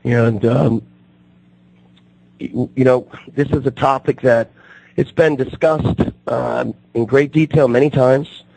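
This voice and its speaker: A man hosts a radio talk show while recovering from losing his voice, so his tone comes out gravelly and husky. He speaks haltingly at an even middle pitch, with frequent fillers and restarts, and the recording is rough but has no echo.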